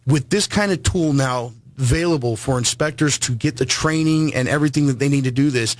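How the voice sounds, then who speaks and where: A man's voice: medium pitch, fairly quick, no echo. A man who works as a home inspector, a guest on a radio show, explaining his business earnestly with many ums and restarts.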